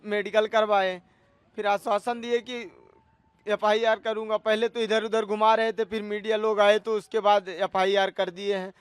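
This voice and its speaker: A man's voice: high voice, little pitch movement, normal speed, smooth, no echo. A man in his thirties, a cook, pleading his case in a news interview and calling the interviewer sir again and again. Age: 30s. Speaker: cook alleging assault.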